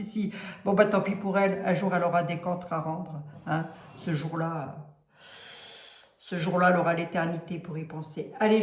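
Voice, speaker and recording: A woman from Lorraine with a Lorraine accent, a psychic vlogger talking casually and rambling to her viewers with many asides. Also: lowish voice. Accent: Lorraine French. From Lorraine, France. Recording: roomy echo.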